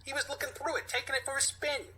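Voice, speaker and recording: A jumpy street kid with a thick New York accent pleads his case in a high, strained voice, as a man puts him on. He talks fast and defensively, and the tone is very bright and sharp. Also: little pitch movement, a little hiss or hum, full character voice. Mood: pleading.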